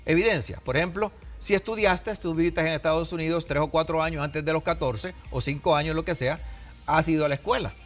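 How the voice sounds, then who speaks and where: A man's voice: on the high side, a little fast, faint music behind. A Puerto Rican man in his sixties, an immigration adviser on a TV interview, explaining patiently with examples. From Puerto Rico.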